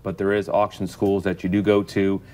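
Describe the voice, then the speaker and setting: A man's voice: sits low, flat delivery, moderate pace, darkish tone. A man, an auctioneer, talking casually in an interview and explaining things with examples.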